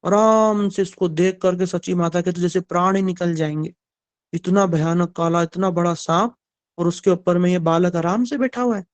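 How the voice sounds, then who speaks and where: A man telling devotional stories in a sermon, animated, turning to ask his listeners. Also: high voice, normal speed, clean tone, no echo. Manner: animated storytelling, asks the audience. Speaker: spiritual storyteller.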